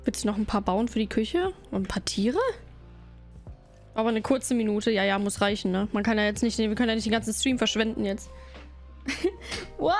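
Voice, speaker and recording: Over soft background music, a woman plays a game on stream and banters playfully with her chat. Her voice is medium-pitched and steady in tone, and she talks fairly quickly.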